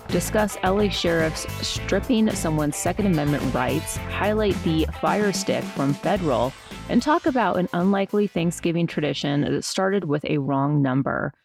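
A woman hosting a podcast in casual chat, with a creaky voice and a stiff, barely moving mouth as if numb from the dentist. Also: on the low side. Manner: stiff-mouthed speech, numb-jawed after dental work. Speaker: podcast host.

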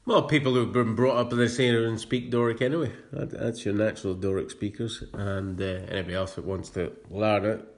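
A man with a northeast Scottish accent chats as an interviewee. His voice is fairly low and his phrasing halting, often repeating words. The room echoes. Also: fairly even intonation. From northeast Scotland. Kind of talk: casual chat.

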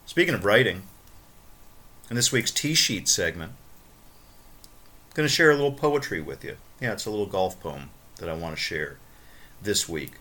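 A man's voice: deep voice, lively intonation, normal speed, long pauses, bright, forceful tone. A man hosting a podcast monologue, talking in a playful, wordy and emphatic way. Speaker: podcast host.

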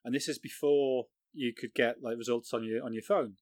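A man from Sunderland, co-host of a football podcast, telling anecdotes in a wry, lively way. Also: medium pitch, normal speed, no echo, studio quality. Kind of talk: casual podcast chat.

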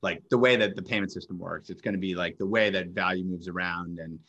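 Deep-voiced male host, bright and forceful tone, hesitant and looping as he builds questions. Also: fairly even intonation, quick pace, breathy edge, muffled recording. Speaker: podcast host. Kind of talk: casual interview talk.

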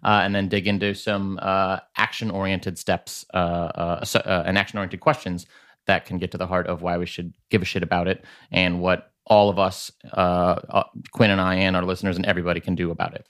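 A man co-hosts a podcast in a relaxed, wry way, filling his sentences with ums and uhs as he goes. His voice is very deep. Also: a little fast. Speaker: podcast co-host. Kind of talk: casual podcast chat.

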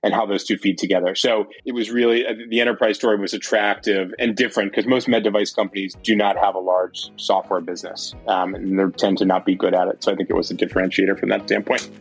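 A man speaking as a panel guest, giving a measured, conversational business explanation. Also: on the low side, little pitch movement, husky, faint music behind, poor audio. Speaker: company executive, panel guest.

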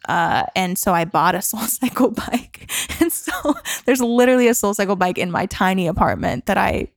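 A woman's voice: medium pitch, animated, moderate pace, no room sound. Young woman musician chatting away, says "like" a lot, dry close mic. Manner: giggly, chatty, lots of "like". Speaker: musician guest. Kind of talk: casual interview chat.

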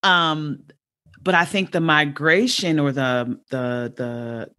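A woman in her forties hosting a podcast, chatting casually and thinking aloud, with many restarts and sudden jumps up in pitch. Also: fairly even intonation, takes it slowly, bright, forceful tone, smooth. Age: 40s. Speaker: podcast host and educator. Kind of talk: casual conversational interview.

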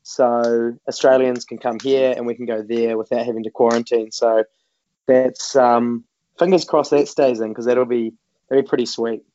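A man's voice: mid-range voice, steady tone, moderate pace, mellow, dry recording. Casual New Zealand man, dry dull sound. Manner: informal, colloquial, refers to himself in third person. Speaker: interview guest, wrestler. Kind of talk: casual chat.

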